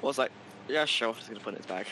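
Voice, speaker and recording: A man playing a tabletop game, chatting casually in and out of character with an animated, exclamatory manner. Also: lowish voice, rapid-fire, a little hiss or hum.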